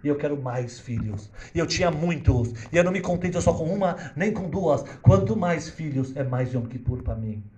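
Gentle bereaved old rabbi as a man tells it, soft, slow, comforting, high-pitched. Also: animated, slight background noise, lightly acted.

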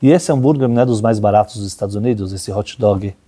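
Man, religious teacher, lively storytelling sermon, husky and mellow tone, acts out the characters. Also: fairly low pitch, fast. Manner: animated storyteller, voices characters in dialogue.

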